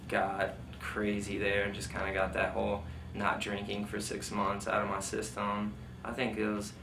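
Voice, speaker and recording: A lowish, slightly bright voice with vocal fry belongs to a man interviewed about his time in the military. He reminisces casually and loosely, constantly saying "like" and "you know." Faint noise and a roomy, distant-mic sound mark the recording.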